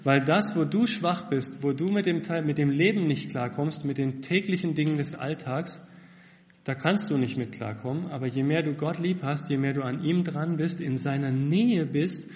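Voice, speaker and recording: A man preaching a sermon as a missionary, candid and self-mocking, swinging from loud emphasis to hushed tones. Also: on the high side. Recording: echoey hall.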